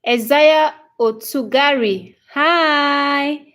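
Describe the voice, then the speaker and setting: A woman's voice: high voice, very slow, a bit bright. A woman in her thirties with a Cameroonian English accent, hosting a casual live English lesson, greeting viewers by name and answering their comments one by one. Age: 30s. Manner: repeats phrases, checks in with "okay?". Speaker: English teacher hosting a livestream. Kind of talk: casual livestream chat.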